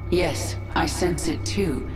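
A woman's voice: fairly low pitch, takes it slowly. A woman playing a ruthless alien queen in a game, commanding in a cold, imperious way. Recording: echoing, music behind.

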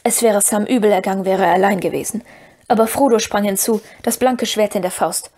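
A woman narrating a fantasy audiobook in an even, steady storytelling manner. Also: medium pitch, a little fast.

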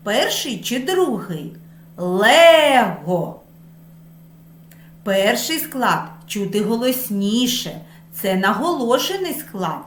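Female preschool teacher, slow, sing-song and lively, echoey room with light music behind. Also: medium pitch, a little hiss or hum. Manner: sing-song, stretching words to show stress. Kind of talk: slow lesson for small children.

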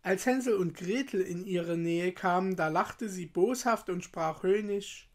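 Slow, calm woman reading a fairy tale. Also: on the low side. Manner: calm, measured storytelling. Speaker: storyteller. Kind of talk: fairy tale read aloud.

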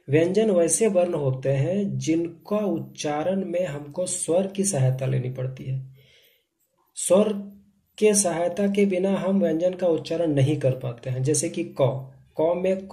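A man with a fairly high, mellow voice gives a grammar lesson. He works through examples one by one in a steady, methodical way, like a teacher at a board.

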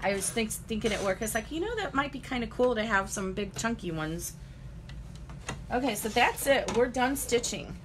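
A woman's voice: on the high side, normal speed, noisy background. A woman giving a chatty live-stream embroidery demonstration, greeting viewers and talking through each step as she works.

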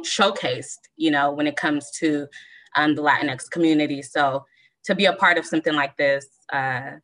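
Young woman, low bright voice, measured personal storytelling, video call guest. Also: low-quality recording. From Southern California. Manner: measured, many ums, reflective. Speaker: panel guest.

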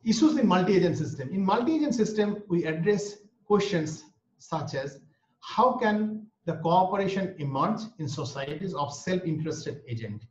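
A man with an Indian English accent, a native Bengali speaker, gives an online lecture and explains each point twice. His voice is high-pitched, very animated and a little mellow, at a moderate pace. The webcam or laptop mic on the video call makes the audio roomy and dull, with a little hiss or hum.

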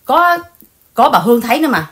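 Fast-talking woman host. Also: a little high. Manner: animated, repetitive, addresses viewers directly. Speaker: channel host. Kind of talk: casual livestream chat.

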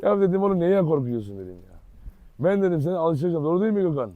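A man from Turkey hosting a casual vlog outdoors in a dog yard, loud and teasing, coaxing the dogs with pet names. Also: on the high side, animated, rapid-fire, no room sound, narrow, tinny audio. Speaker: dog channel host.

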